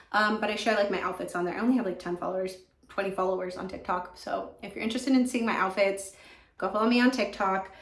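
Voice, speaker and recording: A young American woman talks in a casual, enthusiastic vlogger style. Her voice sits at a middle pitch and she repeats words for emphasis. The sound is strongly echoing, recorded in a bathroom on a camera's built-in microphone. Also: fairly bright tone. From California. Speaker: fashion vlogger. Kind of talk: casual chatty favorites vlog. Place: indoors in a home bathroom.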